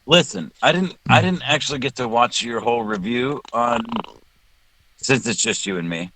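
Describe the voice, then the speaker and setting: A man's voice: mid-range voice, normal speed, fairly bright tone, a little hiss or hum. A man hosting a podcast on a call, chatting casually, swearing and joking loosely. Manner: loose, swears, jokes and laughs easily. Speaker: podcast host.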